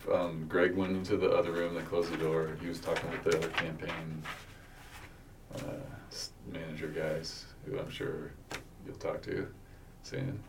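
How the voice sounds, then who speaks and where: A man answering questions as a witness, halting and unsure, often restarting his sentences. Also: a bass voice, little pitch movement, gravelly. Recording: distant mic with faint noise.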